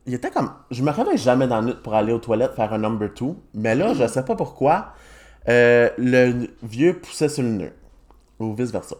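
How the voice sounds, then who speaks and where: His mid-range voice has a darkish tone and a sing-song lilt, moving at normal speed. The host, a man in his twenties with a Québécois accent, cracks jokes and mocks himself in casual storytelling, often breaking into laughter.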